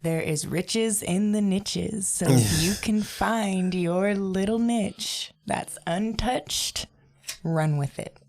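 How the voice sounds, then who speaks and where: A woman's voice: mid-range voice, slow pace, a little mellow. A woman guest on a podcast, speaking bluntly and confidently in casual chat.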